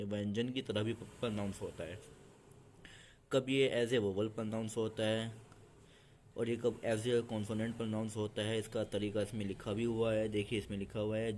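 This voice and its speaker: A man gives a slow, patient grammar lesson, going over each point twice. His voice sits fairly low. A faint hiss runs under the recording. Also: a little mellow. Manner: patient, repeats each point in two languages. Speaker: English teacher.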